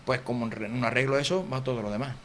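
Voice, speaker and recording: Middle-aged Andalusian man, rapid lively TV interview guest, slight room ambience. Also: medium pitch, slight background noise. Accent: Andalusian Spanish. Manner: fast, animated, acts out quotes and sounds. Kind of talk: TV interview, casual explanation. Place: local TV studio.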